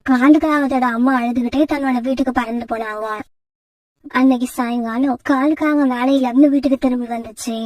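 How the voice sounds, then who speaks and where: A woman tells a children's cartoon story in a calm, measured narration. Her narrating voice sits lower and quieter than her character voices. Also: no echo, far from the mic.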